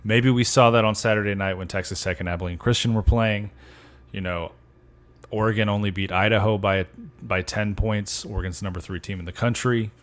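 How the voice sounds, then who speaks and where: A man with a fairly low voice co-hosts a sports podcast. He talks in casual chat, measured and easygoing, with dry humor. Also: steady tone. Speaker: podcast co-host.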